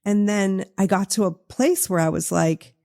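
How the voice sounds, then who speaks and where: A woman from the US East Coast with a Boston accent, hosting a podcast in a relaxed, reflective conversational way. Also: medium pitch, moderate pace, gravelly. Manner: relaxed, reflective, many fillers. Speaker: podcast host. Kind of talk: conversational interview.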